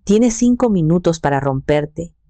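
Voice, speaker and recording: Woman reading a sharp, commanding female lawyer in a storybook; mellow, close and dry. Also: fairly low pitch, expressive, no echo. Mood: brisk, firm. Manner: brisk and commanding. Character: sharp, direct woman lawyer and old friend. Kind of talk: scripted storybook narration.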